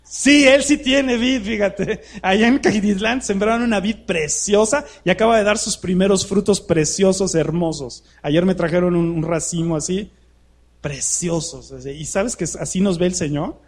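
A man's voice: high voice, moderate pace. A man preaching to a live congregation, talking conversationally and peppering his sermon with rhetorical questions. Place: church hall with a live congregation.

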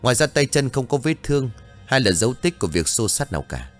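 A man voicing a forensic doctor who speaks in a calm, measured, matter-of-fact way. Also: mid-range voice, faint music behind, natural voice.

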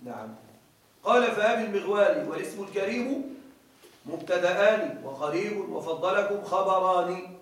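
High-voiced male teacher in an echoey hall. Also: animated, normal speed. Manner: checks often that listeners follow; reads a passage aloud, then explains it. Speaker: grammar teacher. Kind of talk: classroom lecture explaining a grammar text. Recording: very echoey room, voice from far off the mic.

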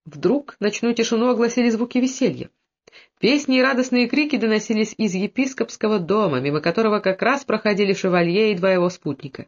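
A man reading a historical novel aloud in steady storytelling narration, dropping his voice lower for the characters' lines. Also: fairly quick, highs cut off. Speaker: audiobook narrator. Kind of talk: scripted narration.

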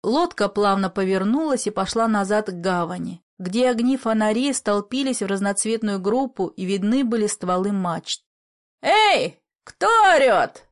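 Woman reading a classic story aloud. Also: medium pitch. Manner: measured, expressive storytelling. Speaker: narrator.

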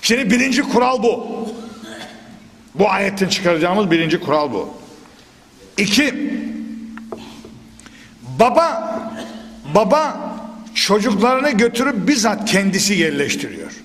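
A high-pitched man speaks into a pulpit microphone, his voice leaping and swooping as he teaches. He keeps throwing sharp emphatic bursts and checks on his listeners. A long hall reverb trails every phrase. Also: very animated, unhurried, pauses often, a little hiss or hum. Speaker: preacher teaching Quran commentary. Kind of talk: commentary lesson from a pulpit.

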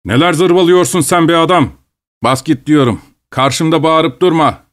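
A man's voice: on the high side, unhurried, pitched above the performer's own voice. A furious, hot-tempered estate steward, as a man puts him on in a storybook reading. He barks his scolding lines in a strained, raised voice well above the reader's own. His tone stays hard and tense. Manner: shouting, scolding.

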